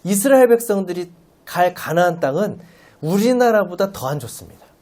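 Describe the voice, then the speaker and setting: A man preaching a Sunday sermon as a lay preacher, playful and animated, often asking the congregation rhetorical questions. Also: high-pitched, a little fast. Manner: playful, uses everyday comparisons.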